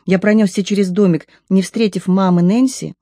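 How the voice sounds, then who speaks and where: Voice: mid-range voice, fairly even intonation, moderate pace, dark tone, dry recording, studio quality. Чтец, ровное повествование от первого лица. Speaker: audiobook narrator. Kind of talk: first-person audiobook narration.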